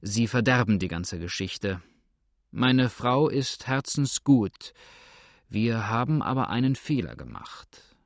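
A man voicing a calm, shrewd innkeeper who speaks in a dry, matter-of-fact way. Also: mid-range voice, takes it slowly, dry recording. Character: calm, shrewd male innkeeper, dryly indifferent.

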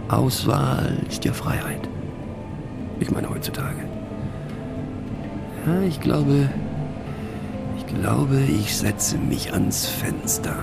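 In a radio play, an actor with a fairly low male voice plays a musing, mocking train passenger. He speaks ponderously and hesitantly in an exaggerated, creaky voice, slipping in hushed asides.

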